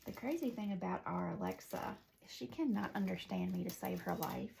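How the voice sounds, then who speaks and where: A woman's voice: fairly low pitch, lively intonation, fairly quick, creaky, darkish tone, slight background noise. A woman with a Southern accent giving a chatty, rambling wreath-making tutorial at home. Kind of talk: casual craft tutorial.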